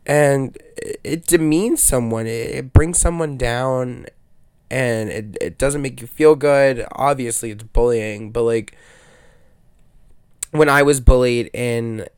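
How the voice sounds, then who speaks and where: A man's voice: medium pitch, slow, darkish tone, clear, resonant tone, dry recording, studio quality. A man with allergy congestion, hosting a casual solo podcast in a rambling, slangy, self-interrupting way. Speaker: podcast host.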